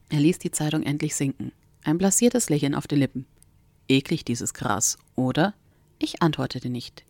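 A woman with a low, dark-toned voice reads a novel in the first person. Her telling is wry and intimate, recorded close and dry with no room around her. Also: no room sound. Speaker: audiobook narrator.

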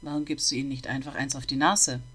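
Woman putting on a gruff old bookseller. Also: very deep voice, steady tone, fast, a bit bright, pitched below the performer's own voice, heavily acted. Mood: gruff, probing. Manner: gruff, interrogating, disapproving.

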